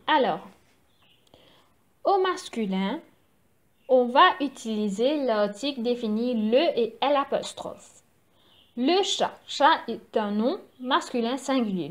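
A woman teacher giving a recorded grammar lesson for children, patiently spelling out letters and repeating each rule. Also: on the high side. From Mauritius.

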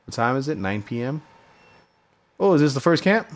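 A man's voice: mid-range voice, very animated, normal speed. An American man giving casual gameplay commentary, thinking aloud in short, slangy remarks. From United States. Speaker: gamer recording gameplay commentary.

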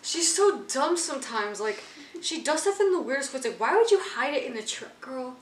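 A young woman with a fairly high voice tells a story bluntly, with a sarcastic edge. The room is echoey, and noise hums behind her. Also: expressive, moderate pace. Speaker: vlog co-host. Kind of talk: casual storytelling over a meal.

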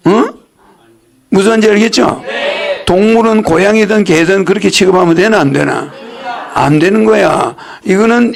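An older man lectures in a folksy, teasing way, often breaking into laughter and quizzing his listeners. His voice sits high and has a gravelly edge. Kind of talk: religious lecture.

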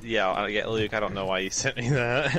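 A man's voice: lowish voice, moderate pace, noisy background. A man chatting and making game callouts with friends, joking along. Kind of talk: casual gaming chat over voice call.

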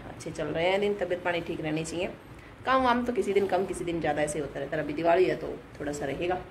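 A woman in her thirties, a vlogger and mother, chats casually with her viewers as she goes through her day indoors at home, now and then scolding her children with sharp, high calls. The audio is poor, with slight background noise.

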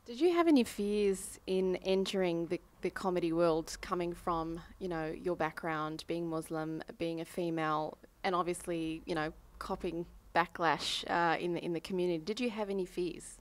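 A woman's voice: lowish voice, normal speed, hardly any pauses. A woman asking interview questions, with fillers and repeated words. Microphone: handheld mic.

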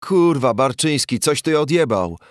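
A man voicing a gruff, worn-out police commissioner in his late forties who barks and curses in angry outbursts. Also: fairly low pitch, expressive, a little slow, dry recording, clean studio sound. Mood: furious. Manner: barking, cursing outbursts.

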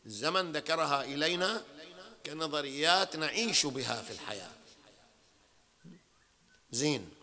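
A man's voice: a little high, lively intonation, moderate pace, long pauses, sharp tone. A man with a Bahraini Arabic accent giving a religious lecture in a conversational way, often checking in with his listeners and building to emphatic peaks. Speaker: sheikh lecturing at a mourning hall.

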